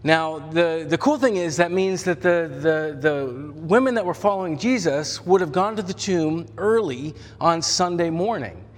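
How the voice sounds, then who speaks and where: A male pastor speaking in a slightly high voice that sounds casual and chatty while he tells a scripture story with jokes and quick character voices. His sermon rings out with a long reverb from the church hall around him. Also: animated. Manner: conversational, humorous storytelling with acted-out voices.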